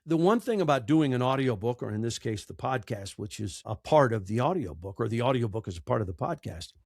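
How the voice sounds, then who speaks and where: Fairly quick and lively, a middle-aged American audiobook narrator and podcaster gives conversational interview answers that are candid, emphatic, earnest and emotional. His voice is mid-range, captured in studio quality without echo.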